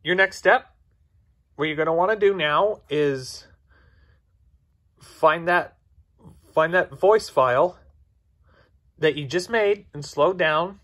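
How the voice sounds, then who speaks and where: A man talking through a software tutorial step by step, in a halting, instructional way with fillers and restarts. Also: a little high. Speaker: video tutorial maker.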